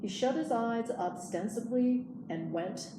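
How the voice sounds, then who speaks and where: As a librarian storyteller, a woman reads a children's storybook aloud in an unhurried voice on the high side. The room is echoey, and background noise is clearly audible.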